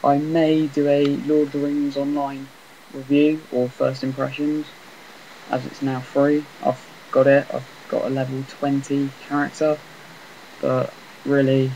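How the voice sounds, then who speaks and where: A man talks over his gameplay in a rambling, self-deprecating way, with a flat, monotonous delivery. His voice has a gravelly rasp, and the cheap laptop mic picks up a faint hiss behind him. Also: medium pitch, unhurried, highs cut off. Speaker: gameplay commentator. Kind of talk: casual game commentary.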